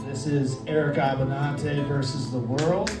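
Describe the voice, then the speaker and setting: Rambling crude comedian with guitar music. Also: male voice, mid-range voice, steady tone, measured pace. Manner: crude, rambling, laughs at own jokes. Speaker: comedian sidekick. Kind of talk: live stand-up storytelling. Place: comedy stage in a dispensary. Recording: echoey room, mic at a distance.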